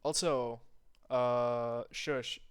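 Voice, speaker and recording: Fast-talking male esports caster. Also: mid-range voice, clean tone. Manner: rapid, excitable calls with frequent fillers and casual swearing; loose, chatty asides to the stream chat between games. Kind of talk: live play-by-play game commentary.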